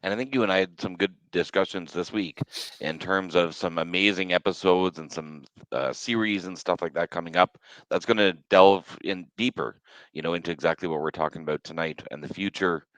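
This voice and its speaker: Deep laid-back man in his thirties. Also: brisk, fairly bright tone, dry recording, low-quality recording. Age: 30s. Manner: laid-back, agreeable, swears casually. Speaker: podcast co-host. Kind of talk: casual podcast chat.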